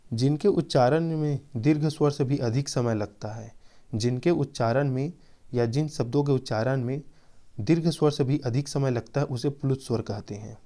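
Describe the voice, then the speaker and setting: A man teaches a quiz-style exam prep lesson, reading out each question and its options before explaining the answer. His voice sits at a mid pitch with a warm, mellow tone. He talks slowly and repeats key points so they stick. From Chhattisgarh, India.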